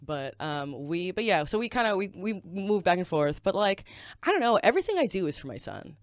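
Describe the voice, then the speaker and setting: A woman's voice: fairly low pitch, very animated, a little fast. A young woman from Galicia in Spain, a podcast guest chatting casually, rambling with many fillers and easy laughs. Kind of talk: casual chat.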